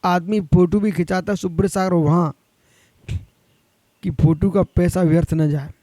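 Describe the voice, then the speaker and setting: A man's voice: high voice, fairly even intonation, unhurried, mellow, dry recording. A man, a Jain monk, giving a sermon in an admonishing, direct way, rising sharply when he urges his listeners on.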